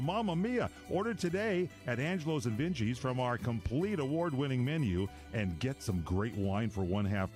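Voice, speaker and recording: A man's voice: mid-range voice, a little mellow. A man reading a scripted radio advertisement in an upbeat, salesy way. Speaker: radio ad announcer. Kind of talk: scripted ad read.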